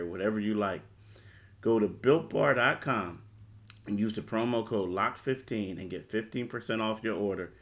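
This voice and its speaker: A man hosting a sports podcast delivers an insistent hard sell ad read, repeating his pitch to the listener. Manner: insistent, repeats commands to order.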